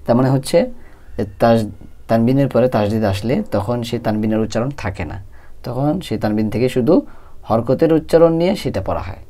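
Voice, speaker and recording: Man slowly teaching Quran recitation. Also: mid-range voice, warm tone. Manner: spells out letters and vowel marks slowly, then recites. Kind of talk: step-by-step recitation lesson.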